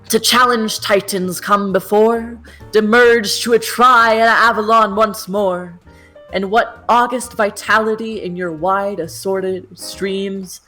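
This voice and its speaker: Woman as a slow-talking, theatrical vagabond poet cat. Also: mid-range voice, fairly bright tone. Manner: grandiose, declaiming. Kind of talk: amateur cartoon dub. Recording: guitar music behind.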